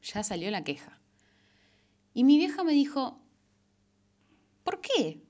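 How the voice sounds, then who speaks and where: A woman's voice: high voice, normal speed, lo-fi sound. Chatty Rioplatense woman giving advice. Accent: Rioplatense Spanish. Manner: chatty, animated, frequent fillers and self-corrections. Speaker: self-help vlogger. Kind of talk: casual advice monologue.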